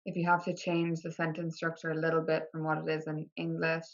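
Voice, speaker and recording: A woman with an Irish accent chatting informally as an interview guest, often softening what she says with "kinda" and "like". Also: deep voice, monotone, fairly quick, dull audio. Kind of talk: casual interview conversation.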